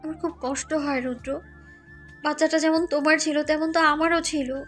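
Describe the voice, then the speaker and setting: An actress playing a hurt young wife who sulks and pleads in an audio drama. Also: female voice, high-pitched, flat delivery, moderate pace, fairly bright tone, faint music behind. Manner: wounded, sulky. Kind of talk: Bengali audio drama acting.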